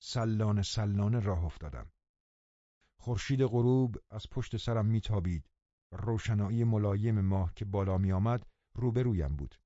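A man narrates a novel in the first person, measured and unhurried. His voice sits low and warm. The recording is dry and slightly muffled, like an older lo-fi audiobook. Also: no echo. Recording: dull lo-fi recording.

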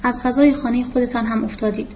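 A woman's voice: on the high side, steady tone, dark tone, lo-fi sound, a little hiss or hum, close to an everyday voice. A woman doing a gracious hostess mother. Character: hospitable middle-aged mother, proud and gracious.

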